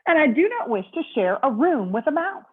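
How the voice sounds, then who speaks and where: A woman voicing a grumpy, sleepy male hotel guest in a storybook reading, speaking up high and indignant, on tinny phone-like audio. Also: very animated, brisk. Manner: cranky, indignant, raised voice.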